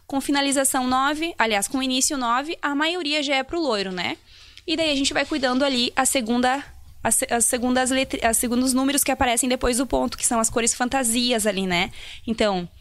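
A woman's voice: fairly high pitch, fairly bright tone, no room sound. A woman, a salon colorist explaining toner choices to viewers in a live Q&A. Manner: explanatory, tutorial-like, addresses viewers.

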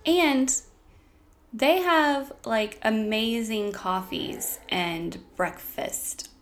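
A woman's voice: a little high, very slow, slight background noise. A woman co-hosting a podcast in casual chat, giggly and self-deprecating, often trailing off. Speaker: podcast co-host.

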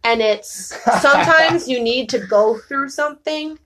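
A woman's voice: high-pitched, a bit bright. Bubbly, emphatic young woman. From New York state. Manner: bubbly, emphatic, quick to laugh. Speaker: guest, actress. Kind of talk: casual podcast chat.

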